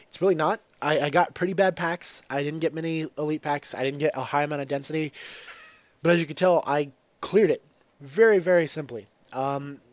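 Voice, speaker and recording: Sounding stuffed up from a cold, a man with a slightly high voice comments loosely on the game he's playing. He rambles, corrects himself, and says um often, in a recording without any room sound.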